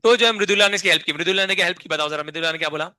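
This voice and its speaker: A man's voice: sits high, very fast, sharp tone, no room sound. Guy teaching chem, keeps firing questions at the class, dry close sound. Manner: constantly quizzes the class with repeated questions; drills mnemonics in a playful sing-song. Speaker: chemistry teacher. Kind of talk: classroom lecture.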